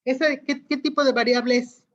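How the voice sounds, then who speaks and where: A woman's voice: high-pitched, steady tone, fairly quick. Woman, teacher, online class lecture, patient explaining, muffled lo-fi audio. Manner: explains patiently, checks understanding with frequent questions. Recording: dull lo-fi audio.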